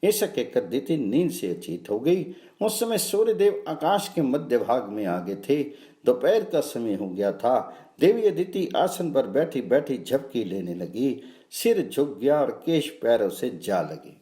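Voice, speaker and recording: A man narrating devotional scripture in measured, solemn recitation. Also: mid-range voice, big pitch swings, dark tone, echoey room. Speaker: scripture reader.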